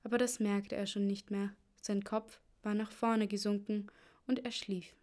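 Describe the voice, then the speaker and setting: A woman narrating a children's storybook in a steady, even reading style. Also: medium pitch, measured pace. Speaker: audiobook narrator.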